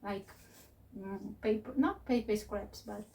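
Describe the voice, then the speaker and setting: Non-native english woman doing a casual vlog tour, slow and halting, bit far from the mic. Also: mid-range voice, vocal fry, a little mellow. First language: not English. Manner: hesitant, halting phrasing with searching pauses. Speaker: craft vlogger and presenter. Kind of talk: casual unscripted tour narration to viewers. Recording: distant mic with faint noise.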